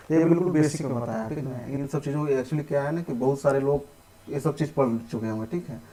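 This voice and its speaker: Patient Hindi maths teacher, repeating steps. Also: male voice, mid-range voice, dark tone, rough recording. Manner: patient, repeats steps, says "ठीक है" often. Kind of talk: live online maths lesson.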